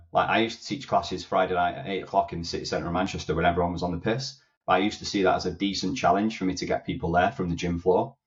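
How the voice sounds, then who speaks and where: Deep-voiced blunt man, muffled. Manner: blunt, energetic, swears casually. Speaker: personal trainer mentor, co-host. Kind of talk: casual podcast Q&A advice. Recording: slightly muffled lo-fi sound.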